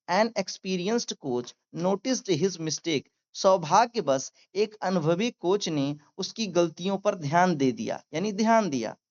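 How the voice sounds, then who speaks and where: An Indian-accented woman teaches English reading at a very slow, deliberate pace, saying each word several times over. Her voice sits a little low, and it comes through a dull, muffled recording. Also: darkish tone. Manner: repeats each word slowly, then explains it. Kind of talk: slow step-by-step reading lesson.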